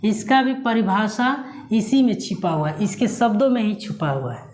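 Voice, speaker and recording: A male Hindi grammar teacher explaining a lesson to students. He asks questions, answers them himself, and repeats key words slowly. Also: high-pitched, expressive, a little mellow. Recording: echoey room with faint noise.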